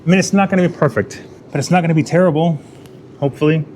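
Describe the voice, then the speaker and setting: A man's voice: fairly high pitch, very fast, a little mellow, slight background noise. A man hosting his own garage vlog, talking casually to himself and the viewers while he works, with self-deprecating jokes and muttered asides. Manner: muttering asides, sometimes whispering. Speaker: garage channel host.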